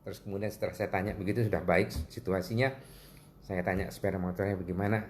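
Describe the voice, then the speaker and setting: Seorang pendeta pria menyampaikan khotbah doa secara daring. Ia bercerita dan memerankan suara orang dalam ceritanya sambil menyapa jemaat sebagai saudara-saudara. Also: male voice, fairly even intonation, fast, a little mellow. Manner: storytelling, addresses listeners as brothers and sisters; acts out quoted voices with higher pitch. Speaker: pastor. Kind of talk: livestreamed prayer sermon.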